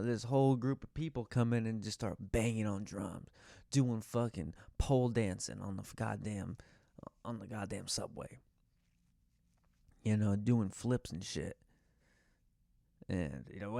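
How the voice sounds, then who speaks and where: Gravelly man ranting casually. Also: mid-range voice, a little mellow, no echo, studio quality. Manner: profane, rambling, exasperated storytelling. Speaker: podcast host. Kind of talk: casual rant.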